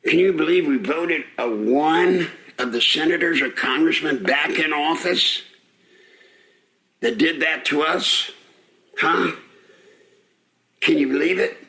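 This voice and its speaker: A man's voice: fairly high pitch, takes it slowly, creaky, long pauses, pushed and bright. An older man hosting a live talk radio show, out of breath, rambling folksy and indignant with rhetorical questions. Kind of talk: live call-in radio commentary.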